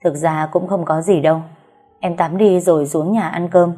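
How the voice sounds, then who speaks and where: A woman's voice: fairly low pitch, fairly even intonation, normal speed, dark tone, faint music behind, natural voice. A woman voicing a good-natured, easygoing husband in a breezy, casual way.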